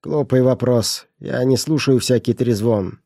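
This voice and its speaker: A man's voice: mid-range voice, unhurried, vocal fry, warm tone, no echo, clean studio sound. A man voicing a cold, stingy old pawnbroker who speaks curtly and harshly. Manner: curt and harsh.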